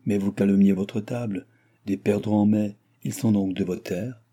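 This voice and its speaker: A composed, courteous noble guest, as a man reads him, polite and unhurried. He speaks in a low, dark, husky voice in this storybook reading. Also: close to an everyday voice. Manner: calm and polite.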